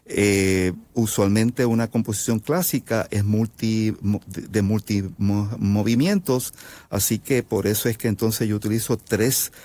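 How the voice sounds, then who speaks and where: Deep-voiced Puerto Rican composer explaining. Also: male voice, steady tone, measured pace, dark tone. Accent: Puerto Rican Spanish. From Puerto Rico. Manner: thoughtful, many fillers and restarts. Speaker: composer guest. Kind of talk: radio interview, explaining.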